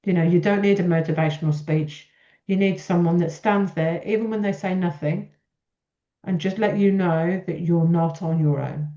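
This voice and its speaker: Woman podcast host, lowish voice, echoey room, really encouraging and chatty. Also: moderate pace, warm tone. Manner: effusive, encouraging. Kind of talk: casual chat. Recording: echoey room, slightly dull audio.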